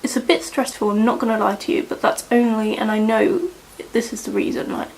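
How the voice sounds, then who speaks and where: A woman's voice: on the high side, little pitch movement, a little fast, darkish tone, poor audio. A young woman chatting casually in a rambling way while doing her makeup at home, with lots of fillers. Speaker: beauty vlogger.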